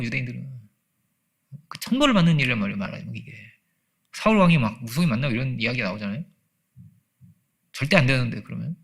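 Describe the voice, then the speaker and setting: Gravelly-voiced man preaching a sermon. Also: mid-range voice. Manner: conversational preaching with rhetorical questions; acts out quoted voices, laughs often. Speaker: pastor. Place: church sanctuary.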